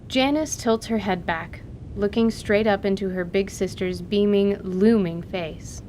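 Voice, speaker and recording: A woman reads an audio drama script as narrator, speaking unhurriedly in a mid-pitched voice with a dark tone. Clear noise and a low rumble run through the recording.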